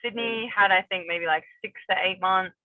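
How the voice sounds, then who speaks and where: A woman's voice: mid-range voice, moderate pace, no echo. A young woman from New Zealand, an MMA fighter, chatting casually as an interview guest, rambling with many fillers and restarts. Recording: tinny phone-like remote call, dry.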